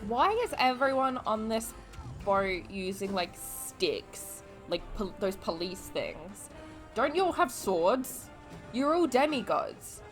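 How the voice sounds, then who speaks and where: A young Australian woman talks over a movie, chatty and expressive, with her pitch swinging widely. She laughs and calls out at the screen. The film's music plays clearly behind her voice. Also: slow pace, poor audio. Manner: animated, chatty, laughs often, exclaims at the screen. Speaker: YouTube vlogger. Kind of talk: movie reaction commentary. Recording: film audio and music behind.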